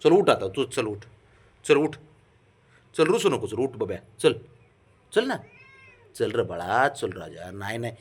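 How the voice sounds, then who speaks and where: A man coaxing and doting on his pet cat in soft baby talk, repeating gentle pleas over and over. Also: on the low side, sing-song, a little slow, long pauses, slightly rough. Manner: repeats soft pleading commands. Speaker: cat owner vlogger. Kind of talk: casual home pet vlog.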